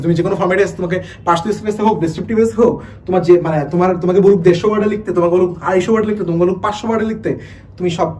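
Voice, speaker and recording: A man who teaches English for admission tests runs an online class at a breakneck pace, his fairly high, mellow voice full of restarts and rhetorical questions to students. He sounds distant from the mic, with a faint hum underneath and poor audio.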